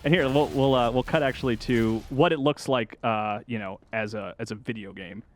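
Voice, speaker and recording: Hosting a game show segment, this video game journalist chats casually and with enthusiasm while commentating over gameplay. His medium-pitched voice is fairly even in intonation, moves at a normal speed, and carries no room sound.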